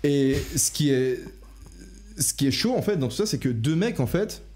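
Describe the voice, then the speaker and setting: A man's voice: mid-range voice, animated, moderate pace, a little mellow, slight background noise. A young man hosting a casual podcast discussion, rambling through his ideas with many restarts and self-corrections. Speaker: podcast host.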